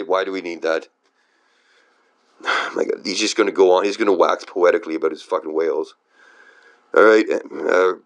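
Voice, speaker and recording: Deep-voiced man reading scripture aloud. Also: fairly bright tone. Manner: exasperated, profane, sarcastic asides. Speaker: reader of scripture. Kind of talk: reading aloud with irreverent commentary.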